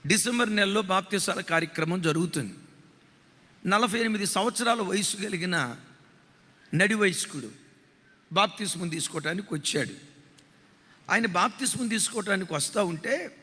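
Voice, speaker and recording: A man preaches with emotional, dramatic storytelling, acting out the voices of people in his story. His voice sits high and bright. A long reverb hangs behind him, as in a large hall. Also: breathy edge. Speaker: pastor. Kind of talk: sermon with storytelling.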